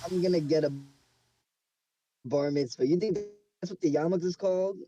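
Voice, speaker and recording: A man's voice: on the high side, normal speed, mellow, a little hiss or hum. A man joking and teasing his friends in a rambling way on a casual voice call. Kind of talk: casual chat over a voice call. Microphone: voice call microphone.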